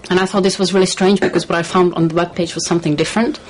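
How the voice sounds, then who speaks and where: A woman from the Czech Republic, a studio guest in a radio interview, talking in a measured, hesitant way with many fillers. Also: lowish voice, fairly even intonation, darkish tone, rough recording.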